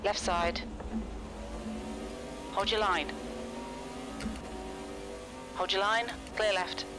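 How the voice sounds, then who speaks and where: A woman voicing a spotter who gives terse radio calls, with short warnings said again and again. She talks very slowly. Loud game music plays behind her. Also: mid-range voice, fairly even intonation. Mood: alert. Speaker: spotter voice of a racing sim.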